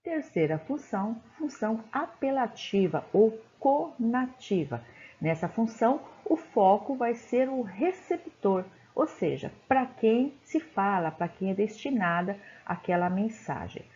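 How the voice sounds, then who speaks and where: Gravelly, warm-voiced woman teaching. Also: a little high, big pitch swings, a little slow. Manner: explanatory, checks in with "tá?" and "né?". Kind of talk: classroom lecture. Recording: dull, lo-fi recording.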